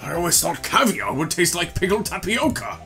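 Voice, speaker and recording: A man's voice: sits high, sing-song, fairly quick, gravelly, sharp tone, heavily acted. A man voicing a childlike, easily flustered old judge from a video game, exclamatory and theatrical. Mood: delighted. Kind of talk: comic voiced read-through of a courtroom video game. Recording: game music behind.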